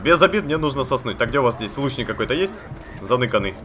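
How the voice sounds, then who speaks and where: A man giving chatty, excitable commentary while playing a video game, talking to the characters on screen and swearing casually. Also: medium pitch, fast talker. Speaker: let's play gamer. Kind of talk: live gameplay commentary.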